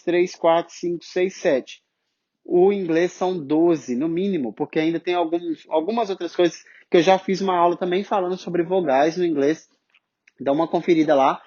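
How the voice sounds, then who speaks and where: A man with a Brazilian Portuguese accent teaching English pronunciation, explaining step by step and drawing out sounds slowly to demonstrate them. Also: high voice, mellow, highs cut off. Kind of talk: online phonetics lesson.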